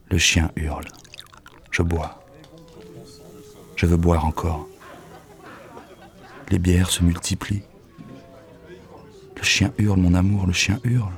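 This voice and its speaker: An actor playing a bitter, lonely young poet in an audio drama, speaking gruffly and curtly, at times sinking into a hushed half-whisper. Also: male voice, deep voice. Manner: gruff, curt and crude. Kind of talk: poetic audio-drama monologue.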